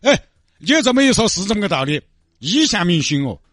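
A man's voice: high voice, very animated, a little fast, fairly bright tone, no echo, studio quality, faint music behind, voice pushed up, heavily acted. A man doing a hammy wailing Sichuan dad. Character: clumsy nervous middle-aged father overacting.

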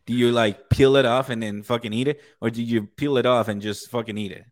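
A man's voice: mid-range voice, steady tone, brisk, dry recording, clean studio sound. A man co-hosting a casual sports talk stream in a laid-back frat-bro way, swearing freely and calling people dude.

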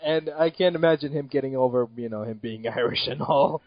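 A man's voice: mid-range voice, no echo. A man co-hosting a casual wrestling chat in an informal, sweary way. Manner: informal, sweary, quick to chuckle. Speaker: podcast co-host. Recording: dull, dry, lo-fi audio.

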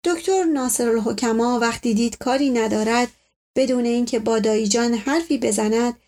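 A woman's voice: fairly high pitch, darkish tone. Woman narrating a novel. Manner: storytelling, voicing all characters. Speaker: audiobook narrator.

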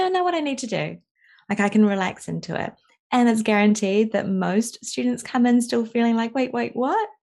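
A woman's voice: fairly low pitch, vocal fry, darkish tone. A woman co-hosting a podcast, chatting about a course with enthusiasm. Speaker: course co-host. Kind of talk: casual podcast chat.

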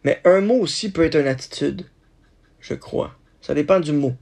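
Halting male podcast host, gravelly voice, slightly high. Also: darkish tone. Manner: halting, thinking aloud, many restarts. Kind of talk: solo podcast musing.

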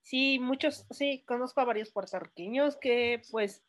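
A woman with a Mexican accent hosting a casual podcast chat, telling stories in a relaxed, joking way. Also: fairly high pitch, measured pace. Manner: relaxed, storytelling with jokes. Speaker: podcast host.

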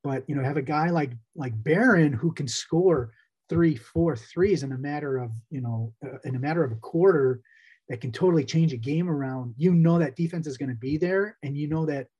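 A man's voice: on the high side, moderate pace, a little mellow, slightly rough, dull audio. A man co-hosting a basketball podcast, talking in a rambling, casual way with many restarts. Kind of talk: casual sports chat.

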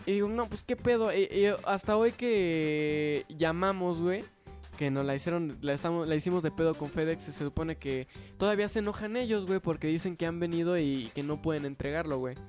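A young man with a Mexican Spanish accent, chatting casually in a slangy, swearing, animated way. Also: fairly high pitch, fairly quick, faint music behind. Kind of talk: casual chat.

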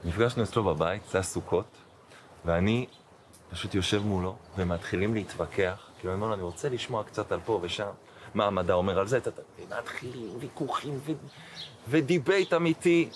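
Middle-aged man, rabbi guest telling his story, lively acted-out dialogue, noisy background. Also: fairly low pitch. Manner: animated storyteller acting out dialogue, frequent fillers. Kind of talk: personal storytelling in an interview. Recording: noticeable background noise.

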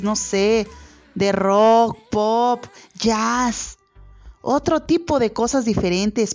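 A woman's voice: fairly high pitch, a little mellow. A woman with a Mexican accent hosting a radio show, talking casually and earnestly to parents, rambling with many fillers and restarts. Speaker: radio host. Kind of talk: casual radio monologue giving advice to parents. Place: radio studio.

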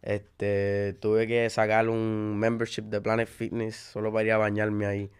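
Smooth-voiced young man, Puerto Rican accent. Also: fairly low pitch, a little slow. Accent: Puerto Rican Spanish. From United States (Maryland). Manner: relaxed, laid-back, mixes in English words. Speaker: music artist and songwriter guest. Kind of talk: casual interview.

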